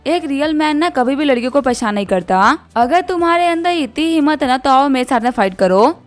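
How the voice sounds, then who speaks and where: A woman's voice: sits high, animated, fairly quick, faint music behind. A woman voicing a boastful male martial arts champion who throws out challenges.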